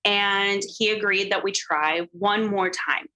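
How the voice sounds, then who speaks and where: A woman's voice: mid-range voice, fairly even intonation, slow, sharp tone, rough recording. A woman speaking as a podcast guest about her photography business, telling an emotional personal story openly and filling her talk with "like" and "um". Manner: emotional and open, heavy use of "like" and "um" fillers.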